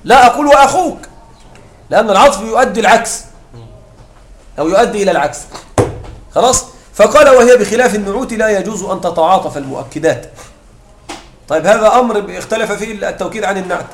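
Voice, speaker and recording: A male grammar teacher lectures in a classroom, walking his students through example after example and pausing to ask whether they understand. His voice sits notably high for a man. The sound carries a clear echo from the room around him. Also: expressive, a little hiss or hum. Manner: explains with repeated examples and checks understanding with questions.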